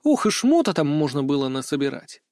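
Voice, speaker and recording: A man narrating a first-person fantasy audiobook in an expressive storytelling manner. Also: on the high side, fairly quick, dry recording, studio quality.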